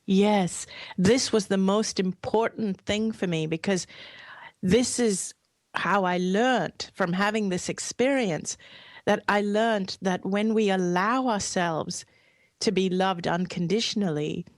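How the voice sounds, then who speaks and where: Speaking slowly in a mid-range voice with no echo, a woman who grew up in Hong Kong shares her personal story as an interview guest. She comes across as earnest and heartfelt, softly emphatic.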